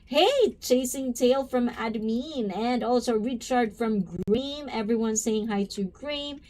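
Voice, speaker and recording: A woman's voice: on the high side, slow, a little mellow. A woman hosting a casual live stream, chatty and full of "you know" and "like", greeting viewers by name. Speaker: livestream host. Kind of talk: casual live-stream chat reading comments.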